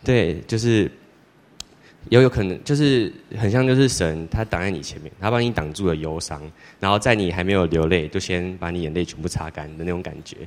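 A teenage boy giving a church testimony in a rambling, halting way, with many restarts. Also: deep voice. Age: teens. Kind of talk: personal testimony. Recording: long hall reverb.

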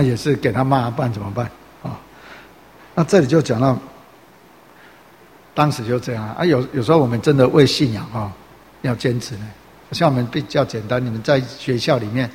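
A man's voice: medium pitch, a little mellow. A man preaching a sermon in a loose, chatty way, full of filler particles and rhetorical questions to the congregation. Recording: roomy hall reverb, faint noise.

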